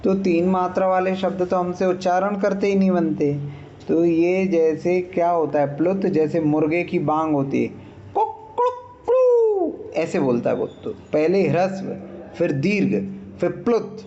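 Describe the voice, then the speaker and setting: A man's voice: on the high side, normal speed, mellow, dull audio, slight background noise. A man teaching Sanskrit grammar in an online class, patiently explaining and checking that students follow. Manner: patient, checks understanding, demonstrates sounds aloud.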